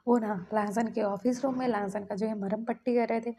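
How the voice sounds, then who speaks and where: A woman's voice: a little high, fairly even intonation, brisk, warm tone. A woman casually retelling a fan fiction story in a chatty way, linking events one after another. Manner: chatty, stringing events with 'then he says'.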